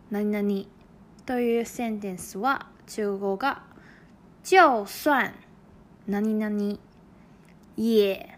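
A woman teaching a language lesson, carefully explaining example sentences and sounding them out slowly. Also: medium pitch, a little mellow. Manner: slow, careful pronunciation of example phrases.

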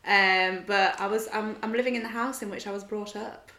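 Woman, young adult, from Leeds, podcast co-host, casual joking banter, bright tone, echoey room. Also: mid-range voice, fairly even intonation, moderate pace. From Leeds, England. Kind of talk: casual chat. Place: home. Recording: roomy echo.

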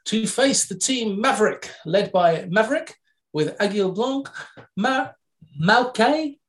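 A woman co-hosting a podcast, briskly reading match lists with dry jokes in a casual news roundup. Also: medium pitch, lively intonation. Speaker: podcast co-host.

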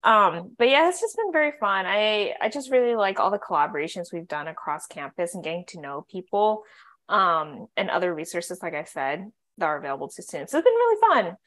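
A woman's voice: on the low side, animated, a little fast, a bit bright. A young woman in her twenties co-hosting a student podcast in casual chat, chatty and emotional, laughing often.

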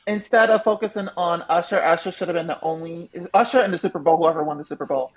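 A man's voice: on the high side, quick pace, lo-fi sound. A man chatting casually with friends, blunt and slangy. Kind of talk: casual group chat.

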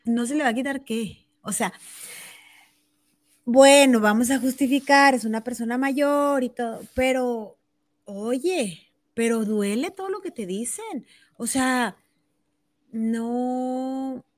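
A woman co-host chats casually and emotionally, often acting out what others said to her. Her voice sits somewhat high. The sound is close and dry, with no room behind it. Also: no echo. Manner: emotional, animated retelling with quoted dialogue. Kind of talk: casual chat.

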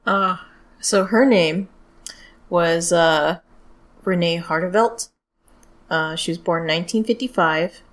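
A woman's voice: lowish voice, slow pace, long pauses. A woman with a general American accent hosting a podcast, telling true-crime stories in a blunt, informal, sweary way. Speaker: podcast host. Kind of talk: casual true-crime storytelling.

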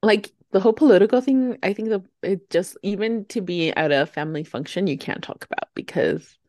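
A young woman co-hosts a podcast in casual chat, rambling and filling her speech with "like." Her medium-pitched, warm voice is brisk, recorded in a clean studio with no room sound.

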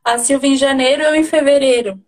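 A woman's voice: sits high, steady tone, fairly quick, a little mellow. A woman hosting a casual online interview and asking friendly questions. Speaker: host. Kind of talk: casual video-call interview.

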